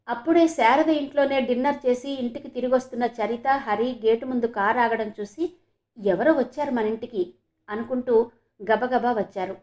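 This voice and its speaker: A woman reading a story aloud as narrator, in an expressive, emotional way. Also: fairly high pitch.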